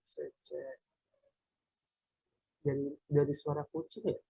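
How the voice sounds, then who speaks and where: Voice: medium pitch, completely flat delivery, takes it slowly, vocal fry, mellow, husky, dry recording. A workshop instructor casually talking through a live coding example, thinking aloud while typing and muttering asides. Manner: casual, light laughs at own mistakes.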